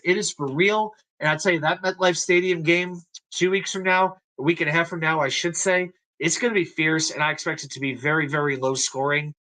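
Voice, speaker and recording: A man hosting a live-stream sports talk show. His voice sits a little high and comes across bright and forceful. He talks casually and hesitantly, with plenty of fillers and restarts. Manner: chatty, hesitant with many fillers.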